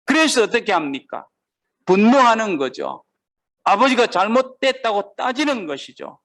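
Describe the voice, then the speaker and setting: High-voiced man preaching a sermon. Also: expressive, fairly bright tone. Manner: asks the congregation questions and reads scripture slowly. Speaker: pastor.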